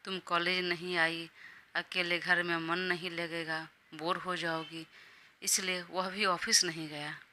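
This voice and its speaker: A woman's voice: on the low side, flat delivery, measured pace, pushed and bright. A woman voicing a chatty young female college friend who teases and gushes, in an audio story. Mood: teasing. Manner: teasing, gushing.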